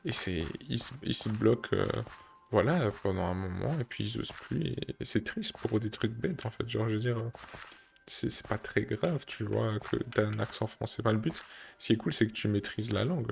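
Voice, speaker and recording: Hesitant French-speaking man with a gravelly voice. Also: lowish voice, moderate pace, a little hiss or hum. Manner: hesitant, thinks aloud with many fillers and restarts. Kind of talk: casual reflective monologue. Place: indoors, seated on a creaky chair.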